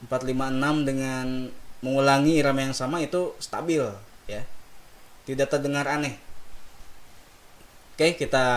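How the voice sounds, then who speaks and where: A man teaching Quran recitation melody, explaining slowly and patiently and singing sample phrases for students to repeat. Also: medium pitch. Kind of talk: recitation lesson with call and response.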